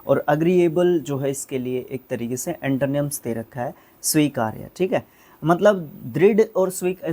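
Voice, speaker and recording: A man's voice: fairly high pitch, darkish tone. Hindi-speaking man teaching English words. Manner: explains slowly, spells words out, corrects himself aloud. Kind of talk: online vocabulary lesson.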